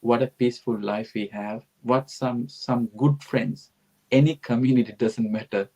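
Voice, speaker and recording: A man's voice: medium pitch, steady tone, moderate pace, dark tone, husky, low-quality recording. A middle-aged man from Sri Lanka, a guest giving earnest, reflective answers in a conversational interview.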